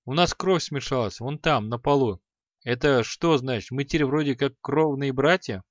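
A man's voice: medium pitch, moderate pace, no room sound, close to an everyday voice. A man voicing a good-natured young apprentice who talks mildly and agreeably in an audiobook. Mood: easygoing. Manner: mild, agreeable. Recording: slightly dull audio.

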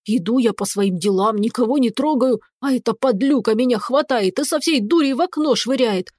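A woman voicing a hysterical, whiny male talking cat who squeals and pleads in drawn-out wails. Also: on the high side, darkish tone, dry recording, studio quality, close to an everyday voice. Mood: whining complaining.

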